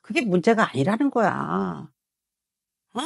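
Woman fortune teller, scolding and swearing, animated swings in pitch, dry room. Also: measured pace, vocal fry, husky, no echo. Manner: harsh scolding with swearing and repeated rhetorical prods. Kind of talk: heated consultation with a client.

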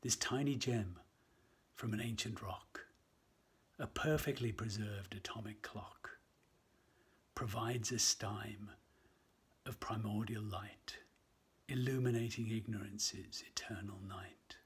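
A man from Canada reciting a short poem in a breathy, half-whispered voice. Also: on the low side, steady tone, slow pace, pauses often. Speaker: poet reciting.

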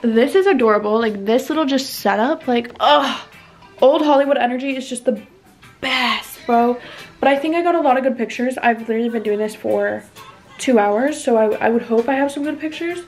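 Bubbly high-voiced young woman vlogger. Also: moderate pace, reverberant, soft background music. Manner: chatty, bubbly, lots of "like" fillers. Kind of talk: casual vlog chat. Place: her mom's house, indoors. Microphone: handheld vlog camera.

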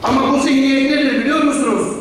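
A woman's voice: high-pitched, fairly even intonation, fast. A woman delivering an impassioned, combative convention speech as an association leader, full of rhetorical questions and emphatic repetition. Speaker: professional association leader addressing an assembly. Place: large assembly hall, speaking from a podium. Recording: echoey hall, distant mic, noisy.

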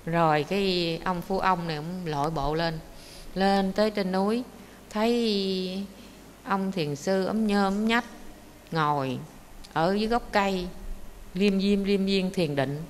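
A woman, a Buddhist nun giving a lively dharma talk with rhetorical questions. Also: medium pitch, measured pace. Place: meditation monastery hall. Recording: echoey hall with faint noise.

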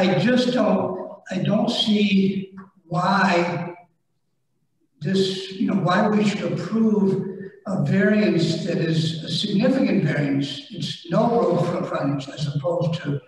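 A man on a zoning board reasoning aloud in a measured, hesitant way during a town meeting. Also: high voice. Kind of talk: deliberative meeting discussion. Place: large town meeting room. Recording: echoey hall, distant room mic.

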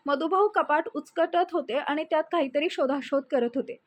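A woman's voice: high voice, normal speed, lo-fi sound, natural voice. Woman reading as a scheming young daughter-in-law. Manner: accusing, insistent.

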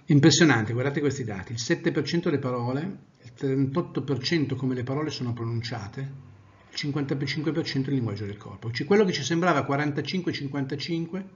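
Animated Italian male trainer, lo-fi. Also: mid-range voice. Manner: animated, varies volume widely, demonstrates tones of voice. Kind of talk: training lecture.

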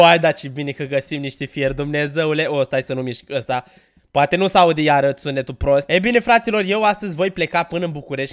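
A young man hosting a gaming video, chatting casually and jokily to viewers and yelping when startled. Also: high-pitched. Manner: excitable, jokey, yelps when startled, chatty asides to viewers. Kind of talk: casual gameplay commentary.

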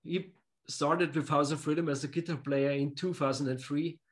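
On a video call from his picture-lined home room, an easygoing musician from Austria chats informally with an interviewer. He keeps to a normal speed with a slightly high voice, phrasing things simply in English that isn't his first language.

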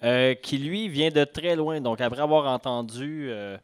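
A man's voice: medium pitch, unhurried, clear, resonant tone, no echo. Quebecois guy hosting a poetry night, lots of euh, rambly, dry close sound. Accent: Québécois French. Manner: rambling, filler-heavy, chatty. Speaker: event host. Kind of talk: introducing a guest at a live reading. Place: library café, live poetry evening.

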